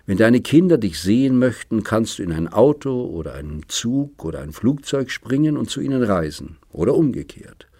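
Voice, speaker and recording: A man voicing a lonely, generous old man in an audiobook, speaking in a measured, earnest way. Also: on the low side, sing-song, warm tone, slightly rough, no echo, studio quality, heavily acted. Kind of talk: audiobook reading.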